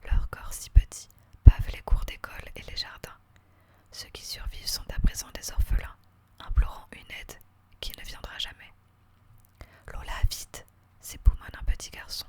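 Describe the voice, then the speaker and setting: A person speaking in a soft, hushed library-style whisper with no voicing, reading aloud as an ASMR creator. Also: normal speed. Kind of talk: whispered ASMR reading of their own novel, with casual asides.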